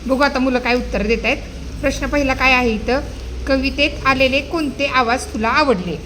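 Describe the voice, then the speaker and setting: A woman's voice: high-pitched, moderate pace, a bit bright, a little hiss or hum. A woman teaching a poetry lesson to small children, questioning them in a sing-song way. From India. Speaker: primary school teacher.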